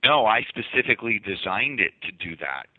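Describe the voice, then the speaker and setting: Over a dry, tinny, phone-like line, a fairly low-pitched man with a lightly Boston accent talks at a moderate pace, his pitch swinging widely. He is a marketing agency owner, a guest in his office in a casual interview, explaining his marketing ideas with enthusiasm and repeating words whenever he restarts them.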